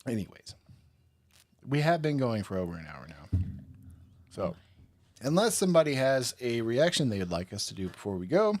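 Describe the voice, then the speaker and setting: A man's voice: medium pitch, sing-song, moderate pace, long pauses, a little mellow, dry recording. A tipsy man hosting a live stream, chatting casually and rambling, laughing often. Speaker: podcast and stream host.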